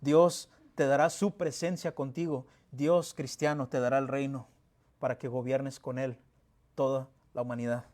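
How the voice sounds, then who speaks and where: A pastor preaching a sermon in a church, asking rhetorical questions and reading scripture with emphasis. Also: male voice, medium pitch, flat delivery, moderate pace, darkish tone. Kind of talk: Spanish-language sermon. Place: church sanctuary.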